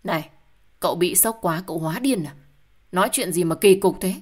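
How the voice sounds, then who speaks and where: A woman's voice: fairly low pitch, brisk, natural voice. A woman voicing a joking male best friend who teases and exclaims in surprise. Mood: alarmed.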